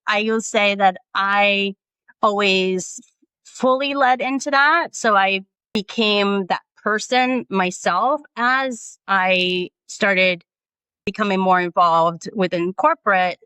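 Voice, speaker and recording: A Brazilian woman, founder of a nonprofit, appears as a guest in a conversational interview, speaking earnestly and reflectively and often tacking on "right?" and "you know." Her mid-range voice has a sharp edge yet sounds clear and resonant, with no echo.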